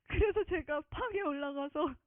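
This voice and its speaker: A woman's voice: high-pitched, moderate pace, no room sound. A woman giving an earnest, emotional personal faith testimony, often close to tears. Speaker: testimony speaker. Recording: tinny phone-like dry sound.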